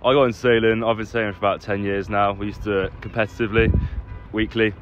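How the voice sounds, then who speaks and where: A young man of eighteen answers casually and quickly, his low voice plain and matter-of-fact. The outdoor recording sounds a little dull, with clear noise behind him. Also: little pitch movement. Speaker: marine engineer. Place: outdoor waterfront.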